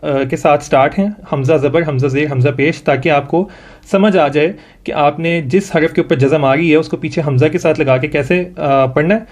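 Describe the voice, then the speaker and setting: A man with a Pakistani accent teaching Quran reading one-on-one, patient, modeling each sound slowly for his student to repeat. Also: fairly high pitch, fairly even intonation, a little mellow.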